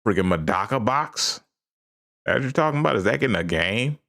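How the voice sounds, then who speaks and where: A man chatting casually on a livestream as its host, halting and self-deprecating, sounding tired. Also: lowish voice, animated, creaky, fairly bright tone. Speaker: live streamer.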